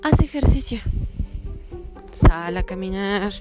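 A woman hosting a self-help podcast, giving practical advice in a lively, coaching way and acting out little scenes. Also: medium pitch, slow pace, music in the background. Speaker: podcast host.

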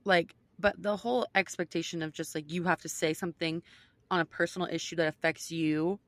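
Emphatic woman co-host, slightly low voice. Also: fairly even intonation, a little fast, dry recording. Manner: emphatic, heavy use of "like". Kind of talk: casual opinionated chat.

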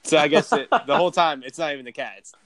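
A man's voice: on the high side, rapid-fire, crowd noise. A man co-hosting a podcast in casual chat, reading looked-up facts aloud. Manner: reads facts aloud off his phone. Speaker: podcast co-host.

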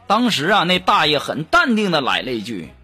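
A man hosting a radio comedy show, telling jokes in a lively storyteller's way and acting out the dialogue. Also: fairly high pitch, brisk. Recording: music bed behind the voice. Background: upbeat background music.

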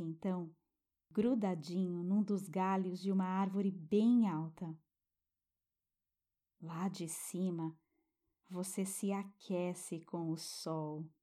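Slow, soothing Brazilian woman, sleep story narrator. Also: on the low side. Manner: gentle, hushed, breathy pauses, tender diminutives. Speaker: children's meditation guide and narrator.

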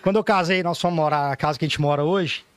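A man on a podcast as the guest, telling funny stories in a casual, animated way and acting out the voices of the people in them. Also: on the high side, quick pace, clear, resonant tone, dry recording, clean studio sound. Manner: animated, acts out voices in anecdotes, says "cara" often. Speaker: podcast guest, store owner. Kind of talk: casual storytelling chat.

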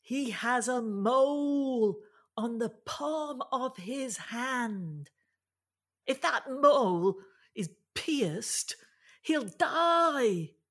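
A woman storyteller voicing a young male hero who leads a boat crew, urgent and quick-thinking. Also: a little high, fairly even intonation, slightly rough, full character voice.

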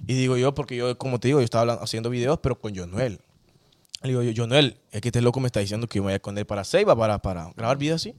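A man's voice: medium pitch, rapid-fire, a little mellow. A young man, telling rambling anecdotes in a casual podcast chat, full of fillers and quoted voices. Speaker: podcast guest.

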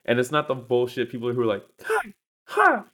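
A man's voice: medium pitch, fairly even intonation, fast. A man co-hosting a podcast, telling a story in casual chat with lots of fillers and swearing. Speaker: podcast co-host.

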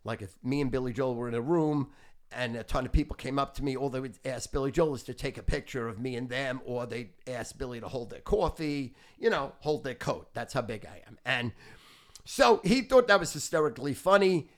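A man's voice: medium pitch, expressive, fairly quick. A man in his fifties hosting a podcast, telling rambling, boastful stories full of swearing. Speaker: podcast host. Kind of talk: casual storytelling.

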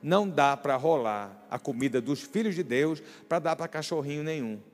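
A man's voice: fairly low pitch, very animated, unhurried, darkish tone, full character voice. A man voicing a stern, blunt Jesus who answers curtly and dismissively, in an echoey hall with music behind. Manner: curt, dismissive.

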